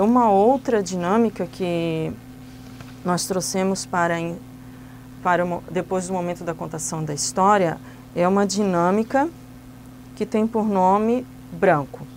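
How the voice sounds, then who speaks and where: A woman's voice: medium pitch, moderate pace, a little mellow, slight background noise. Patient woman explaining a classroom activity. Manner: patient, instructive, step by step. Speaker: Sunday school teacher trainer.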